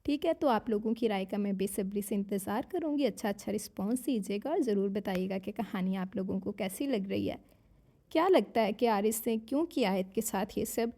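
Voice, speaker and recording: A woman with a sore, hoarse throat, chatting casually as a channel host while reading viewer comments, slipping English phrases into her speech. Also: medium pitch, a little fast, mellow. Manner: talks while eating. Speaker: novel narrator and channel host.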